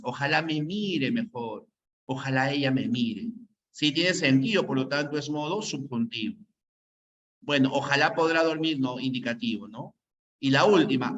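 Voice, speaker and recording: In a dull, lo-fi classroom recording, a man with a medium-pitched, fairly bright voice teaches grammar. He hammers his points through repetition and often asks "¿no?" after them.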